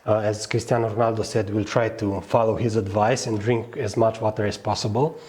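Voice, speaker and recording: A man with a Romanian accent hosting a live outdoor panel event, speaking haltingly with frequent fillers and restarts. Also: on the low side, fairly even intonation, darkish tone. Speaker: event host. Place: outdoors at a fortress on a hot day.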